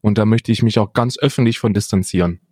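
A man's voice: lowish voice, fast, a little mellow, slightly rough, no room sound, clean studio sound. A man co-hosting a casual podcast, joking around and mimicking other people's voices. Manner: jokey, mimics voices and accents. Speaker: podcast co-host. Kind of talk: casual banter.

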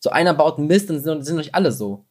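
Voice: medium pitch, lively intonation, brisk, a little mellow. A guest in a casual chat, speaking emphatically and with passion. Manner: emphatic, impassioned.

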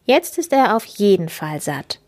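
A woman's voice: medium pitch, sing-song, measured pace, a little mellow. A woman voicing Lou, a cheeky young girl and big sister in a children's story. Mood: disappointed.

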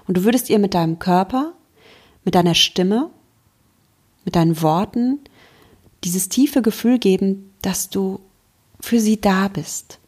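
A woman hosting a self-help podcast as a mindfulness coach, gently encouraging the listener and slowing down to stress key words, with playful mock outbursts. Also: mid-range voice, breathy edge. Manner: gentle and encouraging, speaks straight to the listener, slows for emphasis.

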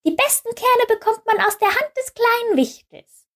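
A woman's voice: extremely high pitch, expressive, moderate pace, pitched above the performer's own voice. A woman chirping as two tiny songbirds. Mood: delighted. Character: pair of small cheerful songbirds.

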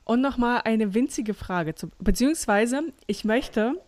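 A woman's voice: fairly high pitch, measured pace, a little mellow, slight background noise. Casual woman podcast host. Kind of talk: casual interview.

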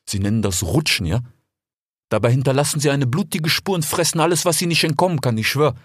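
A man playing Fennec, a chummy husky desert fox. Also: mid-range voice, fairly quick, no echo, studio quality, lightly acted. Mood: coaxing. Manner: chatty, keeps tagging "ja?" and "ich schwör". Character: smooth-talking male desert fox, chummy and persuasive. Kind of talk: audiobook character voice.

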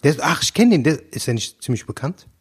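A man's voice: fairly high pitch, very animated, quick pace, slightly rough. A man co-hosting a podcast in casual chat, cutting in with teasing questions and quips. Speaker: podcast co-host.

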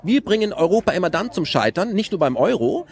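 A man speaking in an animated casual conversation, explaining his views with many restarts and rhetorical questions. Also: high voice, a little fast. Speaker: interviewee.

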